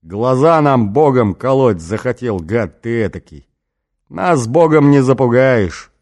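A man voicing a brutal, drunken male gang boss in an audiobook, shouting and snarling threats. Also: medium pitch, lively intonation, normal speed, natural voice. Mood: furious ranting. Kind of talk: audiobook character voice.

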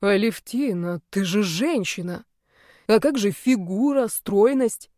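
A woman's voice: medium pitch, expressive, takes it slowly, darkish tone, no room sound, clean studio sound. A woman reading a smug, lazily amused young nobleman. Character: teasing, self-assured young male nobleman. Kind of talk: audiobook character reading.

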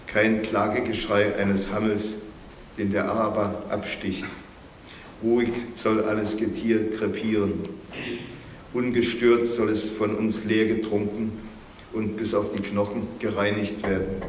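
A man voicing an old male jackal elder who pleads solemnly, in a measured, plaintive storybook reading. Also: fairly low pitch, little pitch movement, close to an everyday voice. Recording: roomy recording with faint hiss.

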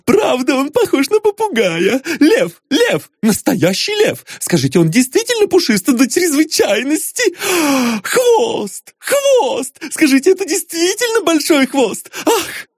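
A man reading aloud, voicing a fawning, excitable male humorist who gushes in gasping, fluttering exclamations. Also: extremely high pitch, slow, dry recording, clean studio sound, voice pushed up, exaggerated voice. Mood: gushing.

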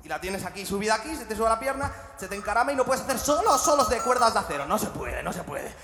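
A man's voice: very high-pitched, expressive, rapid-fire. A man, a comic singer-songwriter rambling and joking between songs at a live show. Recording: echoey live hall with guitar.

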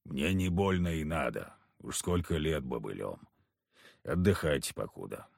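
A man voicing a gruff, sullen big village hunter who grumbles curtly. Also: very deep voice, lively intonation, measured pace, no echo, studio quality, pitched below the performer's own voice, exaggerated voice. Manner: grumbling, curt.

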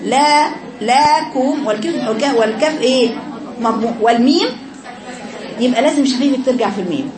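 A woman's voice: fairly high pitch, expressive, fast talker, long pauses, crowd noise. A woman with an Egyptian Arabic accent teaching a Quran recitation class, often repeating sounds to demonstrate them. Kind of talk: classroom lesson on pronunciation. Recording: echoey, noisy room.

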